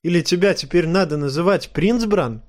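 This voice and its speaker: A man's voice: high voice, normal speed, pitched above the performer's own voice, close to an everyday voice. A man voicing a cheerful, friendly teenage boy in an audiobook. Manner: lively, bright and friendly.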